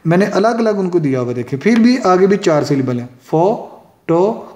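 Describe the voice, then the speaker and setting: A male English teacher gives a lesson in a fairly high voice. He reads definitions slowly and says example words several times to show where the stress falls. The sound carries a clear room echo. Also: very animated, a little mellow. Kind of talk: classroom lesson explaining poetic meter. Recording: echoey room.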